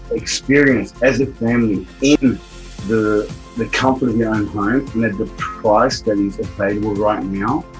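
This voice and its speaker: A man's voice: on the low side, fairly even intonation, normal speed, faint music behind, poor audio. A middle-aged man giving a heartfelt personal testimonial about a seminar, telling a family story earnestly. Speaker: event attendee giving a testimonial.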